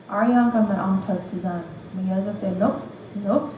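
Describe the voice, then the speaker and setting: A woman retelling a Bible story at a camp, speaking haltingly and dropping in English words. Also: mid-range voice, steady tone, dark tone, slight background noise. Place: large echoey room at a camp. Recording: roomy, distant mic.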